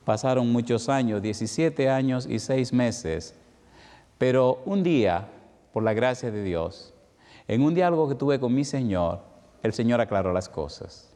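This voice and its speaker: A middle-aged man with a Dominican accent preaching a sermon, telling a personal story with emotion, slowing for emphasis and then speeding up. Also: mid-range voice, lively intonation, mellow. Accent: Dominican Spanish. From Dominican Republic. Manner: emotional storytelling, shifting between slow emphatic and quick passages. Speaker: evangelist preacher. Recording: long hall reverb.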